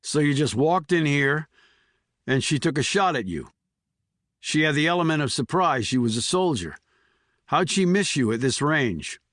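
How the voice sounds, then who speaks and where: A man's voice: fairly high pitch, expressive, normal speed, a bit bright, no room sound, studio quality. A man voicing terse army investigator Puller. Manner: terse, controlled.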